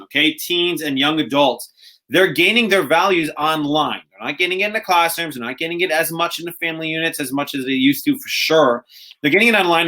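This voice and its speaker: With a slightly high, pushed and bright voice, a young man who grew up in America and later lived in Israel co-hosts a podcast. He chats casually, wandering off into jokes and repeatedly interrupting himself.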